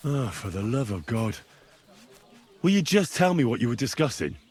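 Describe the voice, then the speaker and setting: A man's voice: mid-range voice, sing-song, normal speed, darkish tone, natural voice. An actor playing a plain-spoken young man in a video game, dry and worn thin by the company he keeps. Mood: exasperated. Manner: dry, exasperated, down-to-earth. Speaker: game protagonist. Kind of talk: video game cutscene acting.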